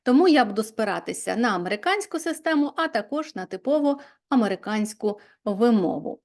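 A woman's voice: fairly high pitch, animated, brisk. A woman teaching English spelling in a video lesson, explaining patiently step by step and reading example words aloud.

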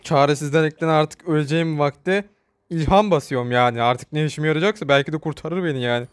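A man with a high-pitched voice narrating his own mobile game match live. His commentary is excitable, and he turns to loud pleading and panic whenever he is chased. The recording is close and dry, with no room echo. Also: brisk, clean tone. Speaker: gamer streamer.

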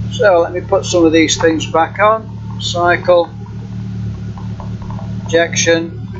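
Over the loud hum of a running car engine, a man with a slightly high voice gives an informal, unscripted software demonstration. He is matter-of-fact and somewhat halting, and the recording is muffled.

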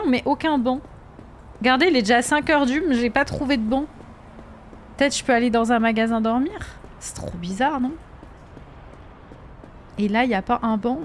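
A high-voiced woman chats through a live gameplay stream, reacting to viewer messages and occasionally switching into French-accented English. There's slight background noise.

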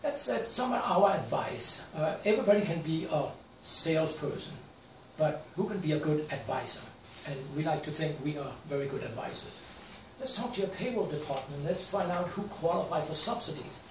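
A man's voice: on the high side, moderate pace. Danish-accented older man presenting in a roomy space. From Denmark. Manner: plain, matter-of-fact explaining with some stumbles. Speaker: financial advisor. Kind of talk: slide presentation. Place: small room with projector screen. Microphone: far camera. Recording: roomy, distant camera sound with faint hiss.

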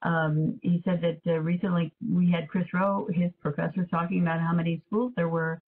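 A woman hosting for a foundation, chatting casually in a webinar, speaking haltingly and repeating words as she searches for them. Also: fairly low pitch, little pitch movement. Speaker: host for a foundation. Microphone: video call. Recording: tinny phone-like call audio.

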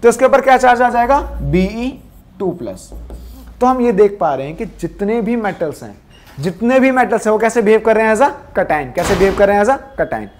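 Male science teacher, asks then answers himself lower, drills the same terms over and over. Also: very animated, moderate pace. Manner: repeats key answers drill-style. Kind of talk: classroom lesson.

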